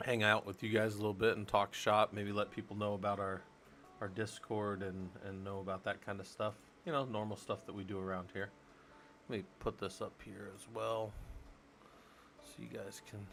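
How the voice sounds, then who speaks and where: A man's voice: on the low side, fairly bright tone, a little hiss or hum. A man hosting a casual live stream, chatting loosely and thinking aloud while he works on a computer. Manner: loose and rambling, thinks aloud, many fillers. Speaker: livestream host.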